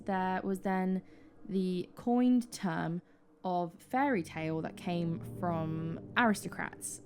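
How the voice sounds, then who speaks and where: A woman's voice: fairly low pitch, a little mellow. A British woman in her twenties co-hosting a podcast, chatty and self-deprecating. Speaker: podcast co-host. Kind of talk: casual chat. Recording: noisy background.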